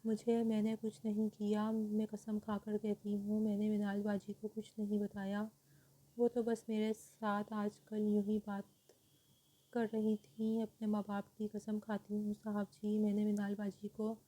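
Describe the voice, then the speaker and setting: A vengeful, scheming young maid in a romance audiobook, read by a woman, speaking in a flat, level way. The tone is dark and soft. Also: mid-range voice, close to an everyday voice. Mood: pleading. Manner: taunting, then tearfully pleading.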